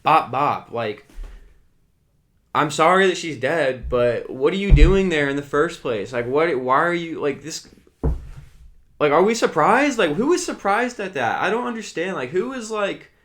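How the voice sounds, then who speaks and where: A man's voice: a little high, expressive, unhurried, fairly bright tone. A young man hosting a solo commentary podcast, ranting in a casual way full of "like" fillers and sometimes reading news excerpts aloud. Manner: ranting, heavy use of "like" fillers. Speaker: podcast host.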